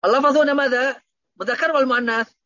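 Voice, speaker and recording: A man's voice: extremely high pitch, fairly even intonation, fast, sharp tone, no echo. A man teaching Arabic grammar in an online lesson, quizzing his students with repeated questions. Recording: dull, dry lo-fi audio.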